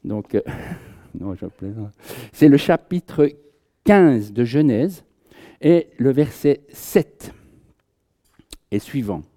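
A man's voice: mid-range voice, animated, takes it slowly, long pauses, warm tone. A man giving an informal Bible teaching to a group, conversational, joking with listeners and often restarting his sentences. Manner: conversational, jokes with the audience, many restarts. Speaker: preacher.

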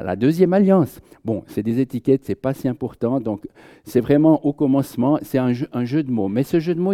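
Guy preaching casually, very warm dark voice, chatty, lots of restarts. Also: medium pitch. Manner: conversational, jokes with the audience, many restarts. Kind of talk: informal Bible teaching.

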